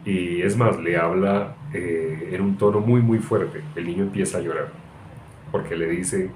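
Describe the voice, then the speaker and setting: Low-voiced man teaching a Bible lesson. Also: fairly even intonation, measured pace, darkish tone. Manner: explains through an extended example, frequent "eh" hesitations. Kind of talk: sermon-style Bible teaching. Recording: roomy echo, faint background noise.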